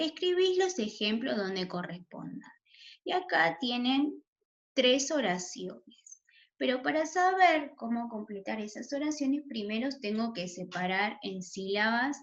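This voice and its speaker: Slow, patient woman teaching spelling. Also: fairly high pitch, lo-fi sound. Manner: checks in with a questioning "¿sí?" after each point. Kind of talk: slow, deliberate spelling lesson for children.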